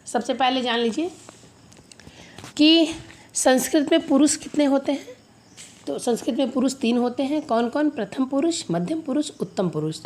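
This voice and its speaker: A woman's voice: high voice, expressive, moderate pace, darkish tone. Woman teaching Sanskrit grammar in Hindi. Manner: asks questions and answers them herself, drills recitation. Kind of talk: classroom lesson explanation.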